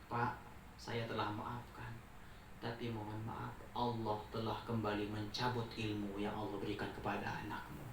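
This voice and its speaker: A man voicing a calm, gentle old sheikh, soft and measured, recorded in a roomy space from a distant mic. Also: lowish voice, background noise, pitched below the performer's own voice, natural voice. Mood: solemn.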